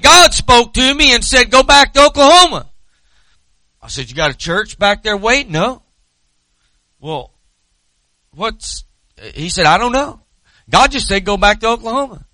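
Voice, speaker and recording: A man's voice: very high-pitched, sharp tone, no echo. A man in his forties with a Southern US accent preaching in a folksy, storytelling way, repeating phrases for emphasis. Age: 40s. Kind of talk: impassioned sermon with storytelling.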